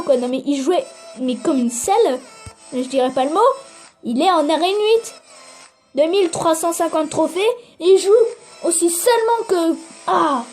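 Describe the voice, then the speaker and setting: A woman giving excitable live gameplay commentary, swearing and urging the game on while talking straight to her viewers. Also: very high voice. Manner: addresses viewers directly. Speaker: gaming video creator.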